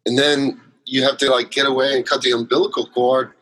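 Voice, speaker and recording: Male guest, husky timbre, mid pitch, loose rambling delivery with lots of "uh"s. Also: flat delivery, a little fast, fairly bright tone, rough recording. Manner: rambling storyteller, many fillers and restarts. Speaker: guest, solo theater performer. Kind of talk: casual interview chat.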